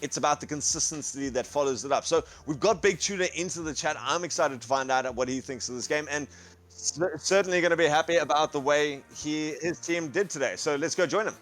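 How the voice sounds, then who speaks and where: A man's voice: on the high side, brisk, fairly bright tone. A man hosting an esports broadcast, asking questions in an upbeat conversational way. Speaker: esports caster and interviewer. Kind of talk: esports desk chat.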